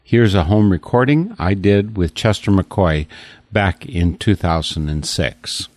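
Low-voiced older male radio host. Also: a little slow, a little mellow. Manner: thoughtful, searching, restarts mid-thought. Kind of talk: reflective radio talk.

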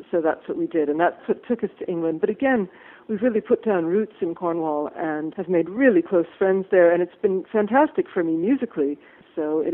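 A middle-aged woman with a mixed American and Irish accent, a musician chatting on a phone interview, upbeat and quick to laugh. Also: lowish voice. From USA. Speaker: musician guest. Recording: tinny phone line.

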